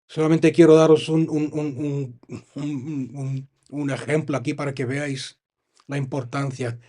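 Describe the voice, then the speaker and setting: Preacher from Spain with a mellow voice. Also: male voice, fairly high pitch. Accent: Spanish from Spain. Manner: reads scripture, then stops to comment and stress points. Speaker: pastor. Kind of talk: sermon with Bible reading.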